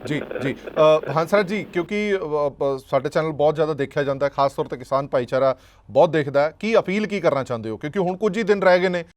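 A man's voice: on the high side, quick pace. A man with an Indian Punjabi accent asking TV interview questions politely, with hesitant filler sounds. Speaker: TV news interviewer.

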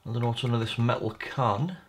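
His medium-pitched voice moves fairly quickly as he hosts a repair video from an indoor workbench. The man describes his hands-on work casually, thinking aloud tentatively as he goes.

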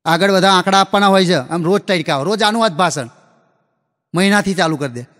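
Man, live stand-up comedian, acts out dialogue, high voice, long reverb of a hall. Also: a little fast, a bit bright. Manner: folksy anecdotal delivery, acts out dialogue. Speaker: stand-up comedian telling school jokes. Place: live comedy stage before an audience.

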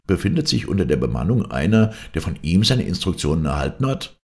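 A blunt, sceptical ship's officer, voiced by a male audiobook reader, speaks in a dismissive way. The voice is deep and gravelly, with lively swings of pitch. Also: fairly quick.

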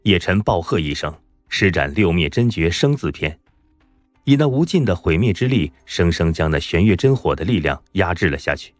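Brief: male audiobook narrator, very low voice with wide, lively swings, dry close sound, faint music bed. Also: moderate pace, dry recording. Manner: dramatic, emphatic storytelling. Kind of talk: scripted web-novel narration.

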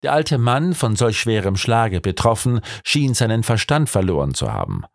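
A man narrating a detective audiobook in an expressive storytelling manner. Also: fairly low pitch, moderate pace, vocal fry, no echo, clean studio sound. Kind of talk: scripted narration.

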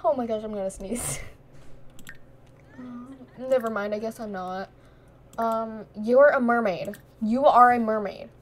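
With long pauses and an unhurried pace, a young woman with a slightly high voice that's giving out provides giggly, casual Let's Play commentary. She's playing a life-sim game and talking to the characters as a gaming streamer.

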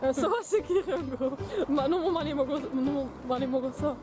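A woman vlogger chatting casually about food, talking through a partly full mouth, with relaxed fillers. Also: sits high, normal speed, a crowd in the background. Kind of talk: casual food vlog chat. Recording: loud music behind voice.

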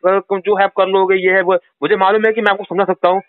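A man on a phone call, urging and advising a distressed caller in a forceful, repetitive way. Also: high-pitched, little pitch movement, a little fast. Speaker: channel host giving advice to a caller. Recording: tinny phone line.

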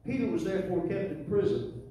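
Preaching in a church sanctuary, a middle-aged Southern US man speaks in a high, very animated, dark-toned voice at a fairly quick clip. His sermon is folksy and emphatic, full of repeated phrases and calls for the congregation to answer. The handheld mic feeds an echoey PA, captured distantly from the pews with faint noise.

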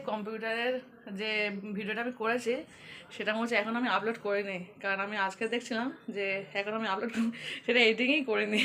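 Fast-talking Bengali woman vlogger. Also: on the high side. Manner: chatty, addresses viewers directly. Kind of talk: casual home vlog chat. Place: home. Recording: noisy home phone recording.

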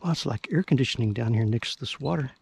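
A fast-talking man with a husky, creaky, darkish mid-range voice narrates casually as he fishes. He's a vlogger on a riverbank at dawn, explaining his moves into a camera mic while faint birds and outdoor ambience carry on behind him.

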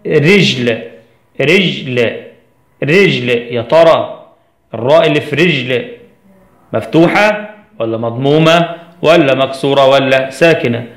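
A man's voice: medium pitch, measured pace, pauses often, echoey room. A man with an Egyptian Arabic accent teaching young children letter sounds, drawing out syllables in a sing-song way and quizzing the class. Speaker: primary school teacher. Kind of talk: children's phonics lesson.

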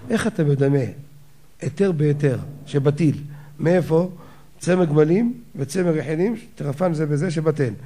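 An older man, a rabbi giving a Torah law lesson with animated storytelling and rhetorical questions. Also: fairly high pitch.

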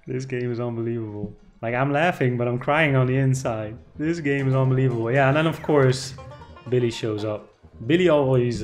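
A man's voice: medium pitch, darkish tone. A man streaming slot games, chatting casually and greeting viewers by name as he spins. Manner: chatty, reads out viewer names, cheers at the slot. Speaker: casino streamer. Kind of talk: casual live-stream chat.

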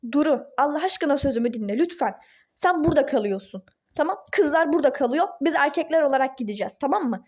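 A woman voicing a calm, soothing young husband in a toy-game role-play drama, talking in a reassuring way. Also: high-pitched, fast. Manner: calming, reassuring.

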